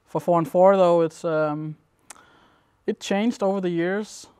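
Speaking a little slowly, a young competitive gamer from Denmark drifts through his interview answers, easygoing and heavy on fillers. The voice is clear and smooth, slightly high for a male, with a monotone melody. Though he's in a dim room at a gaming event, the audio is close and dry, free of room sound.

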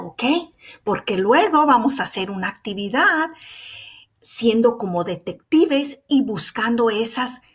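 A young woman teaching young children, speaking in, in a slow, sing-song, encouraging way. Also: fairly high pitch, husky. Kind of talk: children's lesson.

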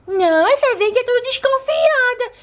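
A woman's voice: extremely high pitch, expressive, moderate pace. A woman voicing a prim, suspicious cousin doll girl in a toy play video.

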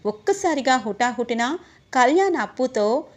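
A woman's voice: high voice, lively intonation, normal speed. A woman narrating a recap of a serial story, reading every character's lines in her own voice.

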